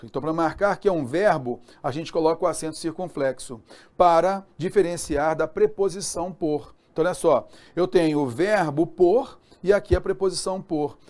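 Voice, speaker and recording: A Brazilian man teaches an exam-prep grammar lesson. His voice sits slightly higher than most men's, and he keeps it chatty, checking in with his students again and again. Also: warm tone. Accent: Brazilian Portuguese. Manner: chatty, repeats checks like "beleza?" and "tá?".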